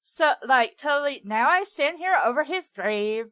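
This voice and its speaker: A woman's voice: high-pitched, sing-song, slow pace, a bit bright, no echo, exaggerated voice. A woman voicing a ditzy young Valley Girl mourning at a grave, drawling and sing-song. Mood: mock-mournful.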